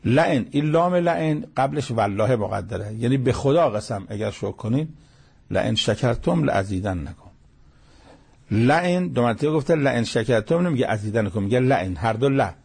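A man's voice: mid-range voice, animated, creaky, darkish tone, breathy edge. A man giving a religious commentary lesson, explaining each verse and repeating key phrases for emphasis. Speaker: Quran commentator.

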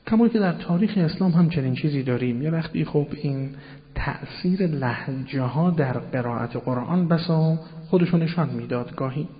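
A man giving a religious lecture, explaining word meanings patiently and addressing his listeners politely, often repeating key terms. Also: on the high side. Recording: dull sound with long hall reverb.

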